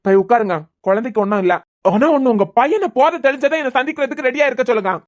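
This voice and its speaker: A woman's voice: high voice, very fast, lightly acted. A woman with a Kanyakumari Tamil accent voicing an angry young male doctor who scolds his family in a cartoon serial. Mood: stern. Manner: scolding, demanding.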